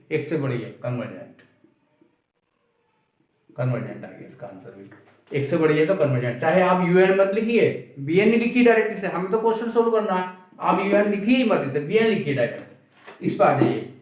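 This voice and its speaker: A man's voice: a little high, darkish tone. A man teaching maths in a classroom lecture. He asks the class questions, answers them himself, and repeats the key steps. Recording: very echoey room, mic far off.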